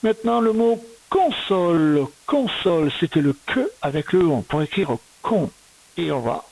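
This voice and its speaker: Deep and darkish, with vocal fry and a slight roughness, this primary school teacher's voice guides a young child through spelling. She sounds out words one syllable at a time in slow, patient dictation. The reading lesson recording is low quality.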